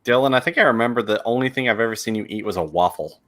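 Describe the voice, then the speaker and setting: A man making quick teasing remarks in a casual group video chat. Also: mid-range voice, fairly bright tone, slight background noise.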